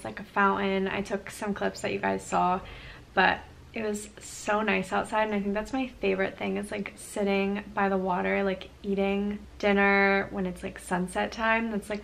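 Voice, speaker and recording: Young woman vlogger in her twenties, casual late-night to-camera chat, fairly flat delivery, faint room hiss. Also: medium pitch, vocal fry. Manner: chatty, lots of "like" fillers. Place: small bedroom at a desk.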